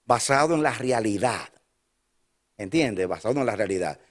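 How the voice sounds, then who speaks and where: An older man preaching a sermon as a pastor, emphatic and repetitive, dropping now and then into soft asides. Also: on the low side, animated, moderate pace.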